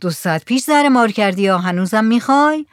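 A woman's voice: on the high side, lively intonation, dry recording, studio quality, close to an everyday voice. A woman voicing the village headman's mocking young son in a storybook reading.

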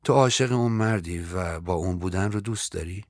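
A man's voice: sits low, darkish tone, dry recording, studio quality, lightly acted. A man voicing a melodramatic, self-pitying older woman who is a famous actress, stretching out her sighing lines theatrically. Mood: melodramatic sorrow.

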